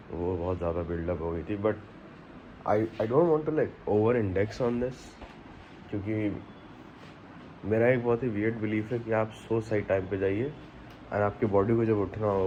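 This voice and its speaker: A man's voice: lowish voice, normal speed, warm tone, lo-fi sound, slight background noise. A man talking casually to the camera in a daily vlog, thinking aloud and switching between Hindi and English. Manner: mixes Hindi and English, reflective and chatty. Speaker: vlogger.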